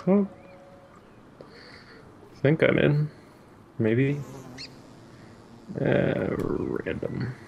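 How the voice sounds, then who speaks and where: A man chatting casually with a friend during an online game, laid-back and quick to laugh. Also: mid-range voice, expressive, creaky, lo-fi sound, a little hiss or hum. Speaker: co-player. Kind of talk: casual chat over voice call.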